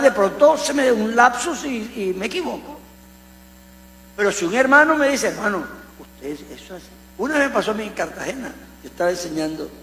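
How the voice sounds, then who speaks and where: A man from Colombia, preaching a conversational sermon with animated storytelling and humorous asides. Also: high-pitched, gravelly. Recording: echoey hall with mains hum.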